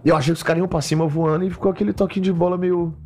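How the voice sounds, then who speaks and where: Brief: excitable male radio guest, slangy, rapid-fire delivery. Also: high voice, slightly rough, faint music behind. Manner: excitable, slangy, swears freely. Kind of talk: casual banter.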